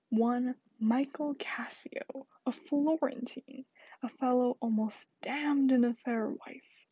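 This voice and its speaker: A woman reading the lines of a bitter, scheming male soldier in a soft whisper, in a dull lo-fi recording. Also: extremely high pitch, husky, no room sound, full character voice.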